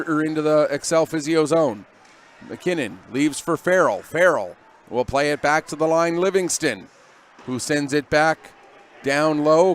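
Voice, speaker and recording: A man calling amateur ice hockey play-by-play at a local rink, giving brisk running calls of each play. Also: fairly high pitch. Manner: brisk running play calls, rising when the action peaks. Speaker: play-by-play commentator.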